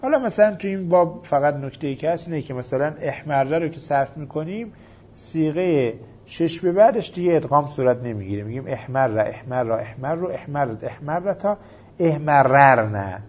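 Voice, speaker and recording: Husky man drilling verb conjugations. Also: fairly high pitch, expressive, darkish tone. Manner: patient, methodical, drilling forms in chanted lists. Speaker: teacher. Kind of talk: Arabic grammar lesson, reciting verb conjugations. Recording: dull lo-fi recording.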